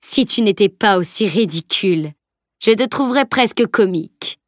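A woman voicing a cold male mercenary who mocks in a sneering, drawn-out way. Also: medium pitch, expressive, no room sound, clean studio sound, natural voice. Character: mocking adult male mercenary, cold killer.

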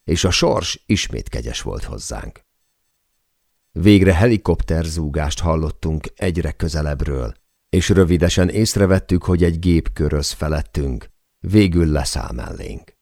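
A man reading a first-person memoir aloud as an audiobook narrator, in a measured, deliberate way. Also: extremely low pitch, lively intonation, vocal fry, a little mellow, dry recording, clean studio sound.

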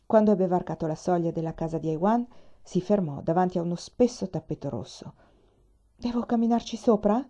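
A woman reading a novel aloud in a steady, measured way. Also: on the low side. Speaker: audiobook reader. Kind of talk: scripted narration of a novel. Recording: dull lo-fi recording.

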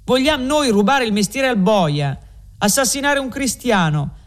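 A man's voice: extremely high pitch, lively intonation, unhurried, pitched above the performer's own voice. A man voicing an indignant young peasant who scolds a violent crowd in a storybook reading. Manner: indignant pleading. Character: young male peasant, upright and horrified.

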